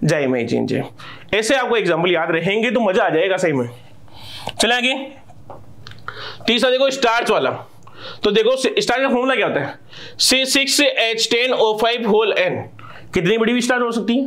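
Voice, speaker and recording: A man's voice: very high voice, animated, normal speed, fairly bright tone. An Indian man teaching a live chemistry class, asking questions and answering them himself, addressing students as sahab.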